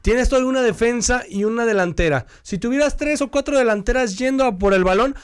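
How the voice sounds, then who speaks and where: High-voiced Mexican man, dry sound. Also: clear, resonant tone, no echo. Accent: Mexican Spanish. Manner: opinionated, teasing, rapid analysis. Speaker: sports show co-host. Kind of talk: casual football talk show chat.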